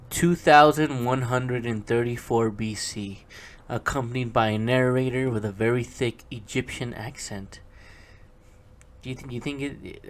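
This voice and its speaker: A man with an unhurried, measured pace reads a screenplay aloud at home-video ease. He drifts into chatty asides and fills gaps with ums and uhs. His pitch sits in an ordinary middle range. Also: a little hiss or hum. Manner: rambling, chatty asides to himself, many fillers. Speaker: hobby script reader. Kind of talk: casual reading of a film script aloud.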